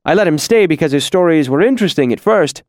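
A man's voice: high voice, very animated, normal speed, a little mellow, dry recording, clean studio sound, pitched above the performer's own voice. A man voicing a bald, nervous male tavern owner who stammers, pleads and hurries his words in a storybook reading. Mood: nervous pleading.

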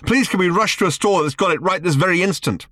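A man's voice: big pitch swings, brisk, dry recording, clean studio sound, lightly acted. A man voicing Arthur, a weary, sarcastic human man, in an audiobook reading. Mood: exasperated. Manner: shrill, sarcastic outbursts. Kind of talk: audiobook character voice.

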